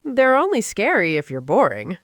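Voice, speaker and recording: An American woman running a scripted English lesson in a lively, teasing tone. Her pitch rises and falls a lot as she plays out little example lines. The sound is dry and close-miked. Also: moderate pace, no echo. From United States. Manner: playful, teasing, upbeat. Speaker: English teacher.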